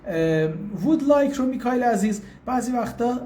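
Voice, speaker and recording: A man with a fairly high voice leads a casual live language lesson. He greets viewers by name as he goes, and he repeats example phrases slowly and patiently. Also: animated, dark tone. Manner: explains patiently and informally. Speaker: English teacher.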